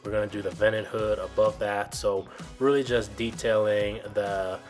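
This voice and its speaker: A man's voice: fairly low pitch, steady tone, normal speed, faint music behind. A man giving an explanatory, informal video tour narration as a home builder's guide, in a plain, instructive way.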